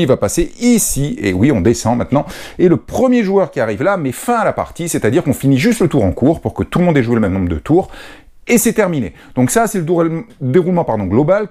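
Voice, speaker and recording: A French man walks through the rules of a board game in a relaxed, talkative manner. His voice rises and falls a great deal as he explains. He often pauses with fillers before going on. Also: mid-range voice. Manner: chatty, lively, with frequent hesitations.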